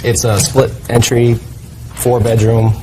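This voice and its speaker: A man's voice: medium pitch, little pitch movement, slow pace, warm tone. A man, a student defendant answering questions in court. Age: 20s. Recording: noisy courtroom ambience.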